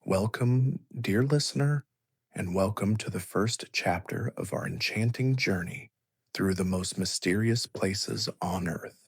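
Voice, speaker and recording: A man narrating a scripted bedtime story as a sleep story narrator, in a soothing, measured, hushed delivery. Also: lowish voice, gravelly, slightly rough, no echo, clean studio sound.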